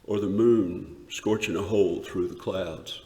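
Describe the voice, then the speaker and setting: A man performing a dramatic monologue as a rough, awestruck shepherd recalling a wondrous night, with emphatic pauses. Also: low-pitched, fairly even intonation. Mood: awed, building. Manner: emphatic, dramatic pauses, swells from hushed to shouted. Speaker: dramatic reader. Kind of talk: theatrical dramatic monologue reading. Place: large church, live performance. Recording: echoey church hall, long reverb.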